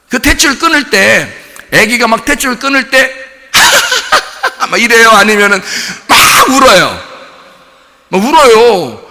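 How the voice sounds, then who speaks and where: A male pastor preaching a sermon in a lively, colloquial way, often asking the congregation rhetorical questions. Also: sits high. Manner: colloquial storytelling with vivid examples. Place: church sanctuary. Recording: long church hall reverb.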